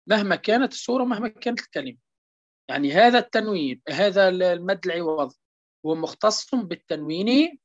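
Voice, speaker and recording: A woman's voice: mid-range voice, no echo. A woman teaching a tajweed lesson, asking questions and answering them herself while repeating the key terms and checking that her students follow. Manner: checks understanding with frequent rhetorical prompts. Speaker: Quran recitation teacher. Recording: dull lo-fi dry recording.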